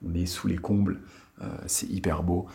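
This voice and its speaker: Male vlog host, late 30s, from France: gravelly fry, casual rambling delivery full of fillers, attic room. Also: low-pitched, flat delivery, moderate pace, warm tone. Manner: rambling, many fillers and restarts. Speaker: watch channel host. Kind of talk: casual vlog talk to viewers.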